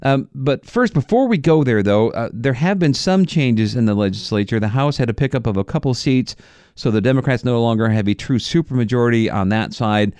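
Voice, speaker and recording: Talk radio host, man, mid-low voice, earnest, steady, dry close studio sound. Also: fairly quick, smooth, no echo. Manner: earnest, steady, frequent "uh" fillers. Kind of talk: political talk radio interview.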